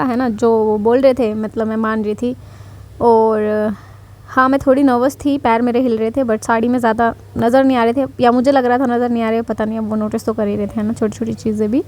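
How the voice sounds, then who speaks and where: A woman's voice: on the high side, a little mellow, slight background noise. A young woman casually recounting her job interview to her viewers, chatty and reassuring, mixing in English phrases. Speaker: vlogger sharing interview experience. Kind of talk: casual chat.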